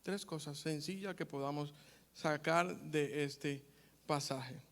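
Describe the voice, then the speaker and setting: A man preaching a sermon, addressing the congregation directly with numbered points and rising loud when he reads scripture aloud. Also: a little high, slow, gravelly. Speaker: pastor.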